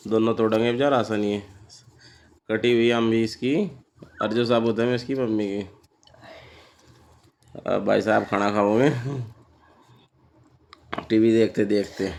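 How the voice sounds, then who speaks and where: A man, a father chatting casually through a vlog and laughing often. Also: fairly low pitch. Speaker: vlogger, father.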